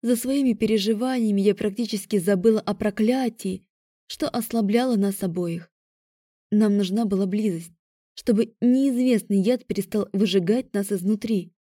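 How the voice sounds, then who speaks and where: A woman narrating a first-person audiobook in a calm, measured way. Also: medium pitch, no room sound, studio quality.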